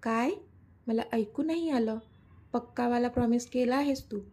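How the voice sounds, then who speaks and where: A teasing, lovestruck young man, as a woman narrator puts him on, coaxing and pleading in a storybook reading. The voice is mellow and a little breathy and sits fairly high. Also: normal speed. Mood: coaxing, playful.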